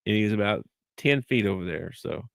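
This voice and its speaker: A man co-hosting a podcast, telling animated stories in casual chat and laughing often as he talks. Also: lowish voice, brisk, creaky, dry recording. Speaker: podcast co-host.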